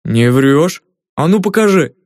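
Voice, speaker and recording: A male audiobook narrator voicing a fat, grumpy and quick-tempered gatekeeper. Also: fairly high pitch, animated, a little mellow, dry recording, clean studio sound. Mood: indignant, blustering. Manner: grumbling, indignant, blustering.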